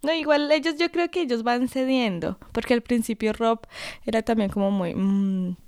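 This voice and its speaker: A woman's voice: a little high, normal speed, darkish tone, smooth, no echo, clean studio sound. A woman interviewing a guest in a casual chat, talking in a hesitant way.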